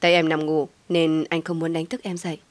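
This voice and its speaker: A woman voicing a kind, shy young man who speaks gently to his girlfriend. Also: deep voice, flat delivery, brisk, dry recording, close to an everyday voice. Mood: gentle.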